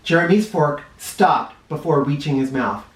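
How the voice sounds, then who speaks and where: A man's voice: on the high side, measured pace. A man reading a children's story aloud expressively, with dramatic emphasis, as if speaking straight to young listeners. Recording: roomy, echoing, somewhat distant microphone.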